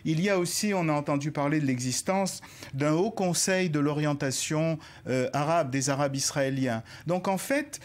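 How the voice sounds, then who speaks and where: A man's voice: fairly high pitch, moderate pace. Assertive, formal man commentator. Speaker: panel guest. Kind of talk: TV news debate.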